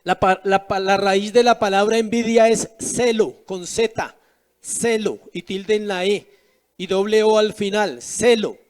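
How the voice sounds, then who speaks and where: A man preaching a sermon as pastor, asking rhetorical questions with emphatic rises and drops. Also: high-pitched.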